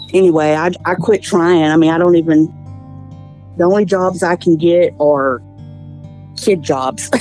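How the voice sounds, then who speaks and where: A weary woman talks in a halting, casual way. Her voice is low-pitched and mellow, and soft music plays faintly behind her. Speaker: mother of the accused family. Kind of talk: casual interview talk.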